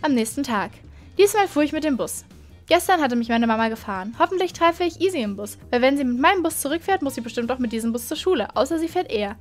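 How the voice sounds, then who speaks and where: A woman's voice: high-pitched, lively intonation, fast talker, soft background music. A young woman in her twenties, a YouTuber, reading fanfiction aloud and chatting amused comments in between. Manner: chatty, amused asides between read passages.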